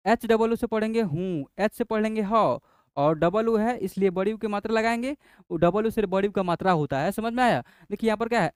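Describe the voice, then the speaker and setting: A man's voice: sits high, a little mellow, smooth, no room sound, clean studio sound. A man teaching a spelling lesson to children, patiently repeating each point. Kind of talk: explaining a language lesson.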